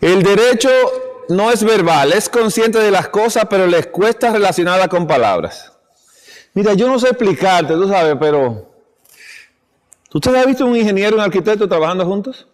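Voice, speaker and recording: Man giving an animated church talk. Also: high-pitched, normal speed. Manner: animated storytelling, acts out dialogue, laughs often. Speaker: health seminar speaker at church. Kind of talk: church seminar lecture. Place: church hall. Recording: long reverb of a church hall.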